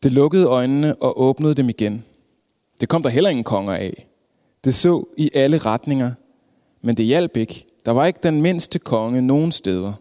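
A man reading a storybook aloud with expressive narration, slowing down for dramatic moments. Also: medium pitch. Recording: long hall reverb.

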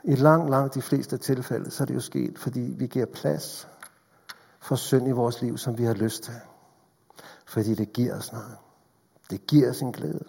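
A man preaching a sermon in a church, earnest and direct, swinging between fervent appeals and hushed, intimate passages. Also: mid-range voice, steady tone, creaky, slightly rough. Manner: earnest, rises to fervent appeals then drops to hushed tones. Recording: long hall reverb.

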